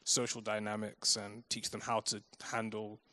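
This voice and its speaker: A man hosting a casual interview, his voice somewhat low and easygoing. He talks loosely, leaning on fillers and slang as he asks his questions. The sound is close and dry. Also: normal speed, dry recording. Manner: relaxed, slangy, many "like" fillers.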